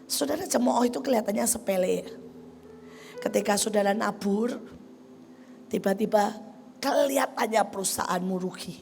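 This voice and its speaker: A middle-aged woman evangelist preaching a sermon, swinging between loud exclamations and hushed asides. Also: mid-range voice, normal speed, vocal fry, pauses often. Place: large church hall. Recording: large hall reverb with music behind.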